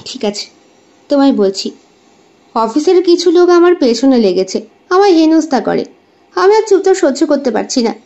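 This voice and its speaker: A woman voicing a hot-tempered young woman in an audio story, sharp in anger and pleading when troubled. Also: high-pitched, big pitch swings, moderate pace, pauses often, pitched above the performer's own voice. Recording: dull lo-fi recording.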